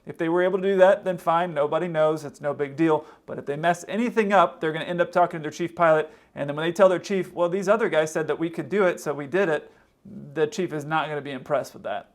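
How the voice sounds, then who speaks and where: A man's voice: a little high, fast. A man hosting a casual explanatory commentary, conversational and acting out hypothetical quotes as he goes. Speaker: host, pilot commentator.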